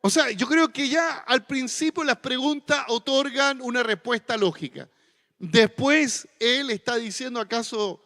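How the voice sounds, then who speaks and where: A male pastor with a Chilean accent preaching a sermon into a stage microphone, folksy and humorous, then softly earnest. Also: extremely high pitch. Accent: Chilean Spanish. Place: church sanctuary. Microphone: stage microphone with monitor. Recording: long church reverb.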